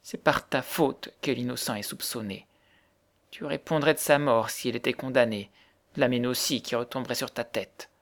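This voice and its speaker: A man's voice: mid-range voice, normal speed, natural voice. Brief: a man playing a fierce grieving widow, harsh and accusing, in a storybook reading. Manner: harsh, accusing, later softening into sobs.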